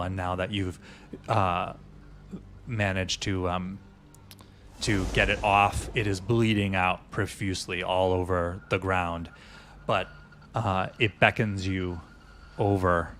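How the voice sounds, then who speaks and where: A man narrating as dungeon master in a loose, halting way with many fillers. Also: deep voice, fairly bright tone, a little hiss or hum. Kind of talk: narrating a tabletop game.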